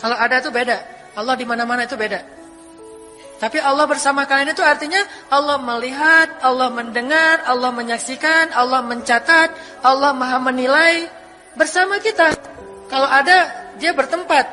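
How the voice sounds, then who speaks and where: A man preaching in a casual, humorous sermon, telling stories in an animated, playful way. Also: extremely high pitch, normal speed. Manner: animated storytelling, playful asides. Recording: reverberant hall with faint music.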